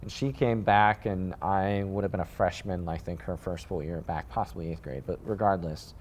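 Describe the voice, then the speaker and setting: A man from the American Midwest with a fairly low voice tells his story in a relaxed interview. He rambles and gets animated, circling back with fillers and restarts as he talks. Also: moderate pace. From Midwest United States. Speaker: guest, sneaker designer.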